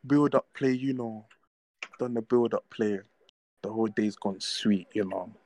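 A man's voice: lowish voice, measured pace. A young man with a London accent, telling stories and bantering casually in urban street slang as a podcast co-host. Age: young adult. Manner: slangy, animated street talk.

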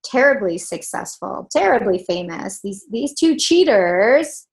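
A woman's voice: mid-range voice, very animated, unhurried, vocal fry. A woman hosting a podcast as a sexologist, giving candid, emphatic solo commentary with the odd dry laugh.

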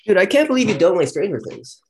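A man co-hosting a podcast in casual chat, rambling and laughing, with some vocal fry. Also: high voice, big pitch swings, fast talker. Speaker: podcast co-host.

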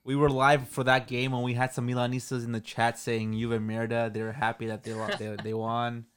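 A man's voice: medium pitch, monotone, fairly quick, clear, resonant tone. A man hosting a casual football talk show, speaking informally with plenty of slang. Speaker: football podcast host. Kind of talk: casual sports chat.

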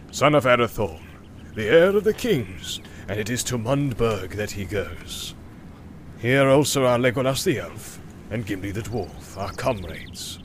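A man's voice: medium pitch, fairly bright tone, slight background noise. Stern old wizard, read by a male narrator, grave and commanding, audiobook.

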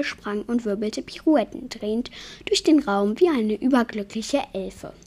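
A woman hosts her own story podcast and narrates in a soft, partly whispered voice. Her pitch sits somewhat high. The delivery is gentle storybook reading.

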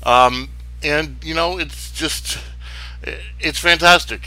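Bright-voiced man rambling on a podcast. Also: fairly high pitch, slow, dry recording, poor audio. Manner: opinionated, rambling. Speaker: sports wrestling podcast host. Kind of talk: casual solo podcast commentary.

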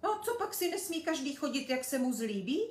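A woman's voice: roomy sound, slight background noise. A woman doing a cheeky boastful little girl. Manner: lively, boastful, high and loud. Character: cheeky nine-year-old girl, boastful fibber.

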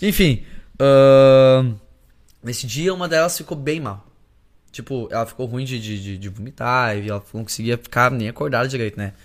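A young adult man and singer, telling a story in a casual podcast chat, animated and full of slang. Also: medium pitch, moderate pace. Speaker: singer and musician, podcast guest.

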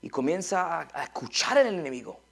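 A man preaching a sermon. He is animated, repeats words and asks rhetorical questions. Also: a little high, brisk, creaky.

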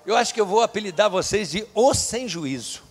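A pastor in his sixties preaching a sermon, folksy and joking, rising to fervent shouts. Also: high voice, animated, a little fast, noisy background. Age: 60s. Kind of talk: lively sermon with storytelling.

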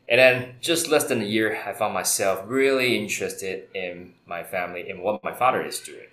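A man's voice: sits low, fairly bright tone. A man from Taiwan, a company founder, answering interview questions in a hesitant way with many fillers. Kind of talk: conversational interview. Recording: echoey room.

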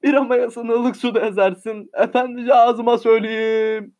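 A man's voice: very high voice, steady tone, moderate pace, a little mellow, pitched above the performer's own voice. A man voicing a seasick ship passenger in a storm, frantically reciting a recipe between gasps, on a muffled lo-fi recording. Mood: frantic.

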